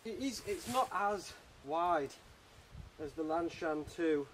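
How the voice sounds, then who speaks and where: A man's voice: on the high side, animated, takes it slowly, low-quality recording. Casting: man, thirties, outdoor vlogger, understated clipped asides while working, recorded outside with some ambient noise. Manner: short, clipped, understated remarks while busy with tasks. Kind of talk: casual vlog talk, muttered running commentary. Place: outdoors in woodland among ruined brick walls.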